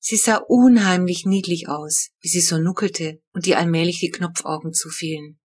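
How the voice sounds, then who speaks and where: A woman reading her own children's book aloud, calm and measured. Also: fairly low pitch, slightly rough. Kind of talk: audiobook narration.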